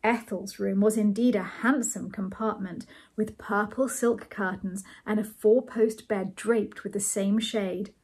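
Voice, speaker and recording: Brief: woman narrator, soft breathy read-aloud, mid pitch, gentle and measured. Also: steady tone. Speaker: host reading a novel aloud.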